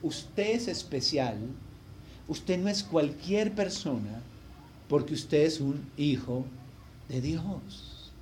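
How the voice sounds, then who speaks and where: A male pastor delivers a heartfelt sermon in a notably high voice. He swings from loud, emphatic lines down to hushed, intimate asides. A faint hum of room ambience sits behind him. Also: slow pace. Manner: emotional storytelling, swinging between loud emphasis and quiet asides.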